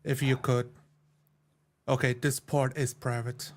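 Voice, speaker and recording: Playing his character in a tabletop roleplaying session, this man narrates his actions and delivers hesitant, held-back lines in fragmented phrases. His voice is mid-range with little change in pitch, and his pace is a bit slow.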